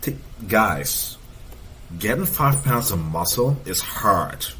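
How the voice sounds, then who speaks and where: A man's voice: on the low side, very animated, slow, pushed and bright, slight background noise. A man in his thirties, a fitness coach, giving casual, emphatic reaction commentary and repeating points for stress. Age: 30s.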